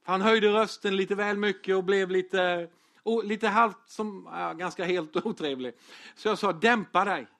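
A man's voice: sits high, fairly bright tone. A man preaching a casual sermon, telling stories with humor and many fillers. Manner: chatty storytelling with humor and fillers. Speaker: pastor.

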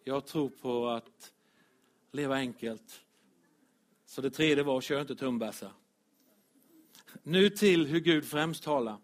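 A man preaching a lively, direct sermon as pastor to his congregation. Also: medium pitch, pauses often. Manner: animated, direct, addresses congregation, chuckles.

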